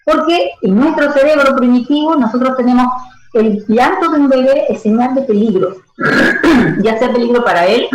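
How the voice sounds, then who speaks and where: A woman's voice: a little high, a little mellow. Explaining woman in a roomy echo. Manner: explanatory, uses everyday analogies and fillers. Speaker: stress management educator. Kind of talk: radio interview guest explaining.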